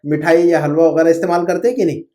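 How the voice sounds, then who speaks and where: A man's voice: fairly high pitch, fairly even intonation, mellow. A man teaching an Arabic lesson in Urdu. He drills new words patiently, prompts his students, corrects them, and often fills with "jo hai na". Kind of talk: live online language lesson.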